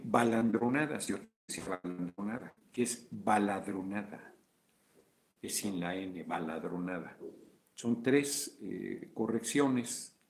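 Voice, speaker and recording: A Mexican man talks loosely through political commentary. His voice sits low and gravelly. He rambles, with crude asides dropped in. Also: darkish tone, a little hiss or hum. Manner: rambling, informal, profane asides. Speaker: video chat host.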